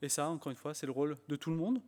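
A man with a fairly high, somewhat dark voice speaks rapid-fire as he preaches a sermon in French with an English accent. He grows emphatic at times and restarts phrases with fillers, and the church hall gives the recording a long reverb.

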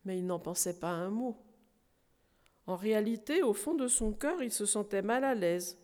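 A woman preaching who reads a storybook aloud slowly and expressively to a congregation in a church hall. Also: medium pitch. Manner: slow, expressive reading. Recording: reverberant hall.

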